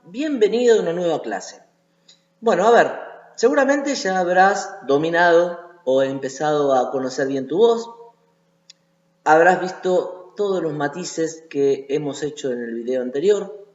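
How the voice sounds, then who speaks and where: A man's voice: fairly high pitch, lively intonation, measured pace. A man with a Rioplatense Spanish accent teaching a voice lesson, explaining step by step and often checking in with the listener. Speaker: singing teacher. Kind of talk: online voice lesson. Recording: echoey lo-fi room recording.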